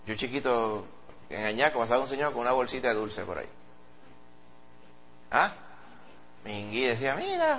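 A man preaching a sermon with a Puerto Rican accent, animated and acting out quoted voices. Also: a little hiss or hum. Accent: Puerto Rican Spanish. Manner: animated, acts out quoted voices in a high pitch. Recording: dull lo-fi sound.

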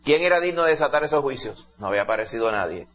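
A man's voice: mid-range voice, expressive, racing, a bit bright. A man preaching a sermon in an emphatic way, often calling his listeners brother. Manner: emphatic, keeps addressing listeners as "hermano". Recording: dull lo-fi recording.

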